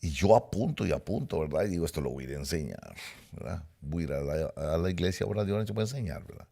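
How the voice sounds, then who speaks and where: A man's voice: a bass voice, expressive, fast talker, gravelly, mellow. A middle-aged man preaching a sermon, emphatic and repetitive, speaking straight to his listeners. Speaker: pastor.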